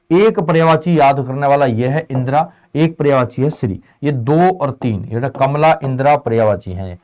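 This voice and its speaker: On an Indian tutoring channel, a male teacher with a mid-range, slightly mellow voice leads an online exam-prep lesson. He drills students casually in call-and-response style, asking questions and answering them himself, and addresses them as beta and bhai.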